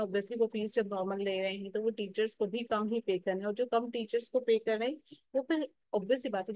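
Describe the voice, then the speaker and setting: A woman with a Pakistani Urdu accent teaching a phonics lesson for teachers, slowly sounding out syllables and often checking in. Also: mid-range voice, darkish tone, no echo, low-quality recording. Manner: explanatory, checks in with "theek hai" often.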